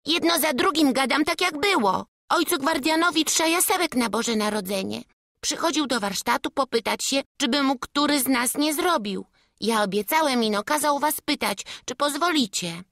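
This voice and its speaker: A woman's voice: high-pitched, normal speed, fairly bright tone, no echo, clean studio sound, pitched above the performer's own voice. A woman reading an audiobook, voicing an earnest, humble young apprentice boy with rustic old-fashioned speech. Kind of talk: audiobook character voice.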